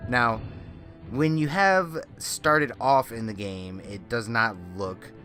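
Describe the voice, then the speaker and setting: Medium-pitched and sharp-toned, this channel host talks slowly through a video game walkthrough. A lingering cold leaves him a bit nasal and stuffed up, and he rambles and self-corrects while faint music plays underneath.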